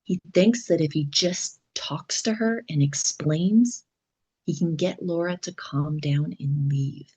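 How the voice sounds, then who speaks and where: Female teacher-narrator, calm and deliberate storytelling, slightly low, husky voice. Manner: calm, deliberate storytelling, some lines near a whisper. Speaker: English teacher. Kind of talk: slow scripted story narration for learners.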